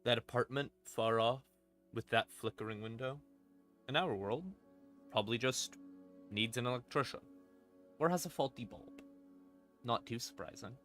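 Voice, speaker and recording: A man streams live as a storyteller, his medium-pitched, slightly bright voice moving at a moderate pace with long pauses. His manner is casual and self-deprecating as he shifts between livestream rambling and atmospheric second-person horror narration, with creepy ambient music playing behind him.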